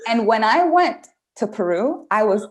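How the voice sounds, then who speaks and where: A woman's voice: a little high, unhurried. A woman from Venezuela as a guest in a casual chat, telling stories and acting out what people said. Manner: animated storyteller, acts out quotes.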